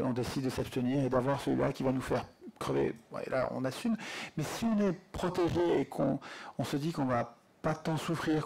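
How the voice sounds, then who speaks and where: A man speaking at a public conference debate into a handheld mic in a lecture hall, animated and insistent. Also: a little high, gravelly.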